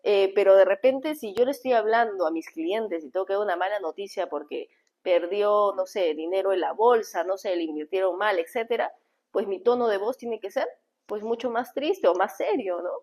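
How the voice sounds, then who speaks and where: A woman's voice: medium pitch, moderate pace. A woman, an image consultant teaching public speaking in a live stream, talking straight to viewers and shifting her tone and pace to show how. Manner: expressive, varies tone and pace to demonstrate, addresses viewers directly. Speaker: image consultant and communication coach. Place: indoors, streaming live from home.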